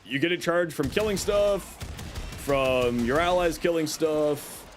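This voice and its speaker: A man giving casual live game commentary and answering chat in a tired, low-energy, flat voice that sounds worn out. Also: measured pace, soft background music. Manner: low-energy, sleepy, flat burned-out delivery. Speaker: game livestreamer. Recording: clear background noise from game audio. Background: video game sounds.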